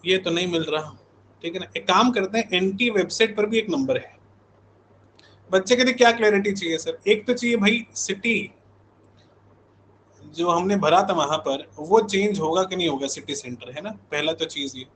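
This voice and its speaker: An online coaching teacher from India, a man in his thirties, speaks at a moderate pace in a high, somewhat bright voice. His live class chat is informal and conversational, with repeated check-in tags. Low-quality recording with slight background noise.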